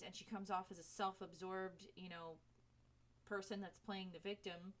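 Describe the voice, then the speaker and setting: Tarot lady talking straight to the viewer, frank, curses a lot, mid-pitched voice. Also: a bit bright. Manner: frank, swears freely; chatty, talks to viewer directly. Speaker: tarot reader. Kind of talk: casual tarot reading.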